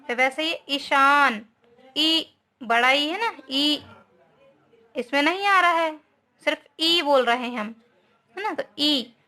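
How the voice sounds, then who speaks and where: A woman's voice: high-pitched, slow, pauses often, bright, forceful tone. A woman teacher giving a grammar lesson to schoolchildren, spelling out each word, asking the class questions and often adding a short tag question.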